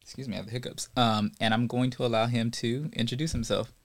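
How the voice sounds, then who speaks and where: A man hosting a podcast in a relaxed, chatty way, talking to a guest. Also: mid-range voice, quick pace. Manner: relaxed, chatty, laughs easily. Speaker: podcast host. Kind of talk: casual podcast chat.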